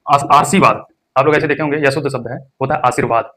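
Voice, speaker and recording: A young male teacher runs an exam-prep lesson at a middle pitch. He calls out each word with a sharp stress and then repeats it slowly to drill the correct form. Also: fairly even intonation, a little hiss or hum. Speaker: Hindi teacher.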